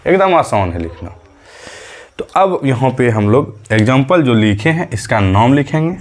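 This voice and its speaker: A man's voice: medium pitch, big pitch swings, moderate pace. A male chemistry teacher giving a medium lesson, patiently repeating key terms as questions and counting aloud step by step, with a light tinge. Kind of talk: classroom lesson.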